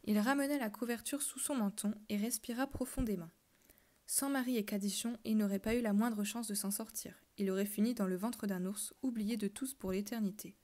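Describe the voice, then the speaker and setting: A woman reading a children's novel aloud, telling the story softly and dropping to a whisper at tense moments. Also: mid-range voice, fairly even intonation, brisk. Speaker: reader.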